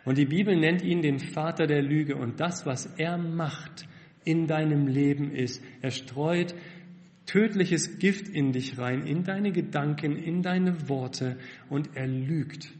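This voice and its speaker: A man's voice: on the high side, slow pace. Echoey preaching man in a hall. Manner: candid, self-mocking, swings from loud to hushed. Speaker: missionary preacher. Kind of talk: sermon.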